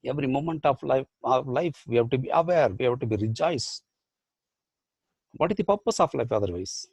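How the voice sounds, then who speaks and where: A man's voice: medium pitch, vocal fry, darkish tone, slightly rough, no echo. A man with an Indian English accent, a professor and life skills trainer whose first language is Badugu, giving a motivational online lecture full of rhetorical questions and repeated phrases.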